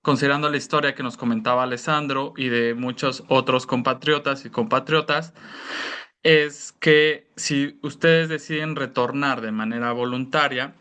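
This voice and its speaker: A man giving a careful explanatory talk on a video call, filling pauses with "eh" and "¿no?". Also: medium pitch, steady tone, bright, forceful tone, smooth. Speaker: presenter at an online information session.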